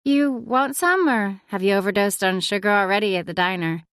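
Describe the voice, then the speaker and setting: A woman voicing a jittery, self-conscious young mother in an audiobook. Her lines jump a little higher as she fumbles for words. The sound is dry and close. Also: moderate pace, a bit bright, smooth, dry recording, natural voice. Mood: flustered. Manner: nervous, awkward. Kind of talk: audiobook character voice.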